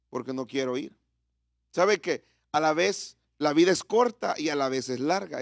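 A man's voice: a little high, vocal fry, no room sound, clean studio sound. A middle-aged man preaching a sermon in church, talking conversationally and firing questions at the congregation.

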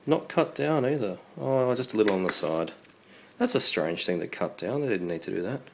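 A man's voice: lowish voice, brisk, creaky. An Australian man hosting a casual unboxing, his voice congested from a cold, speaking in an understated, appreciative way. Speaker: video host. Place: indoors at a computer desk. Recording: steady background noise.

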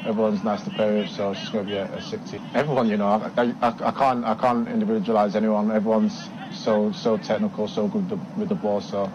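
A young man, a footballer, answering questions in a relaxed interview clip, often repeating words as he thinks, recorded outdoors with noise behind him. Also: on the low side, quick pace, hardly any pauses, lo-fi sound. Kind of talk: post-training interview clip.

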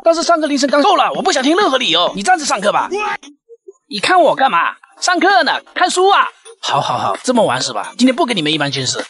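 Casting: a cheeky cartoon scolder, very animated delivery, Mandarin internet slang, comedy skit timing. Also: medium pitch, fast talker. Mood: indignant.

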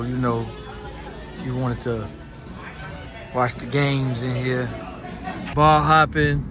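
A man in his forties with a Chicago accent, talking casually and slangily to a phone held at arm's length while touring houses and bars. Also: medium pitch. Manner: laid-back, slangy street talk. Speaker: vlogger. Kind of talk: casual vlog tour. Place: various, car, bar and indoors.

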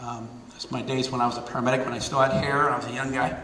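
A middle-aged man speaks quickly and energetically to an audience, often repeating words to drive a point home. The sound is roomy with a long hall reverb, and the mic sits a fair way off. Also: medium pitch, level tone, pushed and bright, recorded from a distance, a little hiss or hum. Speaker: speaker giving a talk. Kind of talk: public talk with audience questions.

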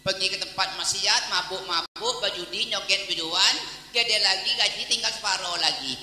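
High, bright-voiced Palembang preacher. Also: male voice, normal speed. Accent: Palembang Malay. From Palembang, Indonesia. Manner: lively storytelling, mimics dialogue, breaks into song snippets. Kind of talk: humorous sermon with storytelling. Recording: echoey hall with long reverb.

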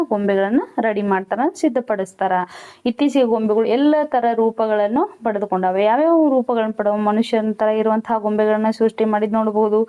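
A woman's voice: medium pitch, clean tone, highs cut off. A woman teacher explains a school lesson, asking questions and then answering them herself.

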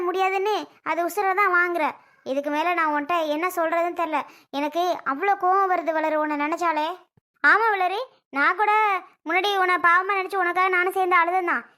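A woman playing a bossy elder sister who lectures and scolds at length, in speech. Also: pushed and bright. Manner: scolding, lecturing, rising shrill outbursts. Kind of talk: homemade family drama skit.

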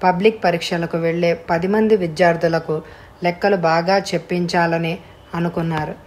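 A woman narrating an audiobook story in a steady, even reading voice. Her pitch sits a little low for a woman, calm and measured.

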